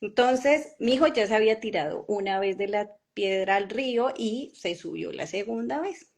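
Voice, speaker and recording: A woman with a Colombian accent giving an earnest, emotional personal testimony, halting with pauses and fillers. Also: mid-range voice, vocal fry, darkish tone.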